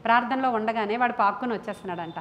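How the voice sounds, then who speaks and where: A woman pastor preaches in a church, impassioned and emphatic, driving her points home with repeated phrases and rhetorical questions. Her voice sits fairly high, with a faint hiss behind it. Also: rapid-fire, muffled recording. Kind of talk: sermon.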